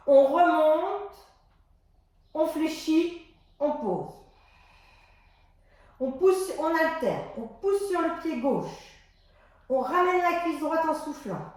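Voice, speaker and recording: A woman fitness instructor guiding a floor exercise class, giving calm step-by-step cues timed to the breath. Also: high voice. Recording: very echoey exercise room.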